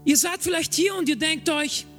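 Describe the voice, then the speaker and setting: A man's voice: very high-pitched, normal speed, sharp tone. A man preaching a sermon to a congregation, emphatic and repeating his key phrases. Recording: long hall reverb, faint music.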